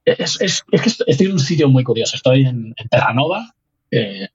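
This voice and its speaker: With lively intonation and a husky mid-range voice, a guest researcher from Spain chats at normal speed in a casual interview, his Spanish accent clear. He's animated, laughing often and beginning sentences again. The recording has its highs cut off.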